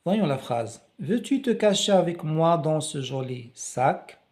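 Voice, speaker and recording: A man teaching French reading, saying syllables and words slowly and repeating them so learners can copy the sounds. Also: fairly high pitch, expressive, a little mellow. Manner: slow, deliberate, repeats words to model pronunciation. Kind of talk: slow syllable-by-syllable reading lesson.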